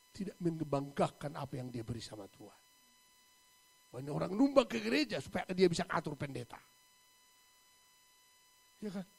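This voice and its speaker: A male pastor preaching a sermon, telling stories dramatically and acting out the people in them with sudden loud bursts. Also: high voice, gravelly, breathy edge. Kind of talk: sermon with storytelling. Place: church.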